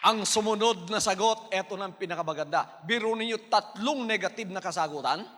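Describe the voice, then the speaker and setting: A man preaching a sermon with drama, acting out Bible quotes and sometimes shouting. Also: high voice, fairly quick, long reverb tail, a little hiss or hum. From Philippines. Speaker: pastor.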